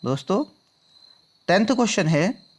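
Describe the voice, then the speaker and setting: Man going through exam questions, higher-pitched. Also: very animated, a little slow. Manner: drills answers by repeating them back as questions; addresses viewers as friends. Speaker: exam prep teacher. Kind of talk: explaining quiz answers.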